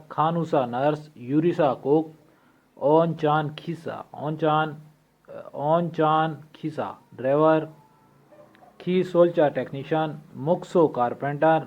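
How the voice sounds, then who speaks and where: A man teaching a language lesson from a textbook, reading vocabulary slowly and repeating each word for practice. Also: a little high, darkish tone. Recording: tinny phone-like recording.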